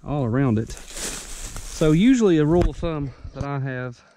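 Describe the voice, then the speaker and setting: A young man who vlogs about ginseng hunting rambles through casual outdoor how-to advice on a forested mountainside, breathing hard. He speaks unhurriedly in a slightly high, expressive, warm voice, with a little hiss or hum in the background.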